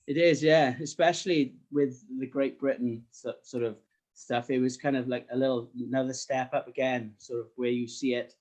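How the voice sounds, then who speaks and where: A man's voice: medium pitch, fairly even intonation, moderate pace, darkish tone. Modest man with a Welsh Valleys accent. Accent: South Wales Valleys. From South Wales. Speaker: podcast guest, sports graphic designer. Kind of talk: casual interview chat.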